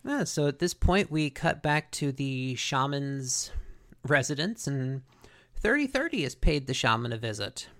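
A man's voice: medium pitch, very animated, a little slow, fairly bright tone. A man co-hosting a podcast, casually retelling a cartoon episode in a conversational way. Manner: conversational, story-telling with paraphrased dialogue. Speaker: podcast co-host.

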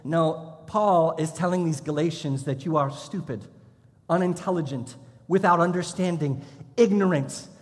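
A pastor in his thirties preaches a sermon in a storytelling way, breaking into loud acted shouts. His voice sits fairly high for a man. It rings with a long reverb from the hall around him. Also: normal speed. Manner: storytelling, shouts when acting out a drill instructor. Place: church hall.

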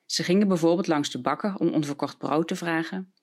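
A woman's voice: low voice, fairly quick, a little mellow. A woman from the Netherlands sharing a personal story as a reflection on a Bible passage, in a conversational way.

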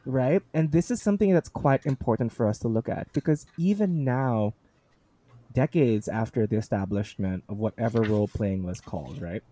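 Dark-voiced enthusiastic man discussing a book. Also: mid-range voice, moderate pace. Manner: enthusiastic, articulate, reads passages aloud.

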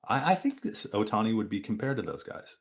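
A man co-hosting a podcast, chatting casually about sports with lively restarts. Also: on the low side, gravelly. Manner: animated, fast back-and-forth with restarts. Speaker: podcast co-host.

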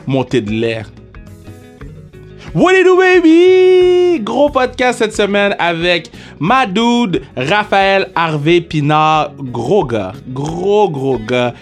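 A man's voice: a little high, very animated, takes it slowly, few pauses, soft background music. A young man with a Quebec French accent hosting a casual podcast, hyped and playful, dropping English slang into his French. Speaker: podcast host.

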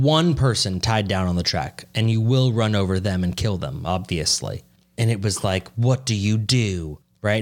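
A man co-hosting a podcast in casual chat, swearing freely and teasing his co-host with mock outrage. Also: on the low side.

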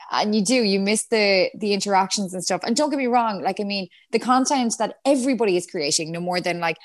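Chatty woman with a west of Ireland accent. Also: medium pitch. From Galway, west of Ireland. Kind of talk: casual chat.

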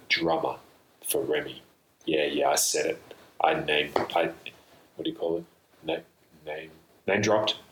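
Low male voice, playful solo podcast monologue, slangy and meandering, roomy laptop-microphone recording. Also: background noise. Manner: loose, slangy, musing aloud. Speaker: podcast host. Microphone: built-in laptop microphone, mistakenly used instead of studio microphone.

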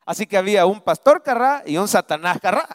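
A man's voice: high-pitched, animated, fairly quick, no room sound, studio quality. A middle-aged Salvadoran man preaching a live church sermon, telling a family story and building up to fervent proclamation. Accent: Salvadoran Spanish. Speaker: pastor.

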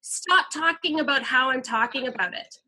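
Middle-aged woman ranting thru a story, lots of likes, swears, kinda raspy breathy voice. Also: sits high, moderate pace. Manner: animated, frequent filler "like", swears freely. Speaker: podcast guest. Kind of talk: candid conversational storytelling.

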